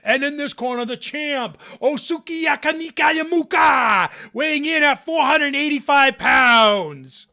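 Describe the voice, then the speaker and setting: A man voicing a wrestling ring announcer who shouts drawn-out fighter introductions. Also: very high-pitched, animated, gravelly, pitched above the performer's own voice, heavily acted. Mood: hyped.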